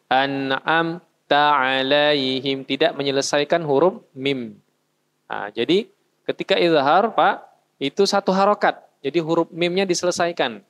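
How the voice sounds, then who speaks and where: A man teaching a class how to recite, explaining patiently and chanting short verses as examples. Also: a little high. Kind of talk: recitation lesson. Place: mosque.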